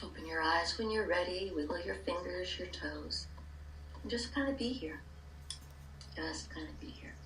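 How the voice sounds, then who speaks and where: An older woman leading a guided meditation in soft, gentle, hushed phrases with pauses. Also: on the low side, slight background noise. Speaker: meditation leader. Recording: echoey room, distant mic.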